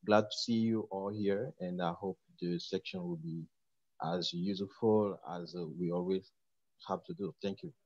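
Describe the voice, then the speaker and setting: Male webinar participant, lowish voice, courteous self-introduction, dry close sound over a dull connection. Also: fairly even intonation, a little slow, darkish tone, no room sound. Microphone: video call. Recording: dry, dull online call.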